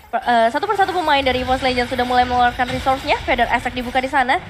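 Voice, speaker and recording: Fast-talking, high-voiced woman esports caster. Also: background noise. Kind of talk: live game commentary.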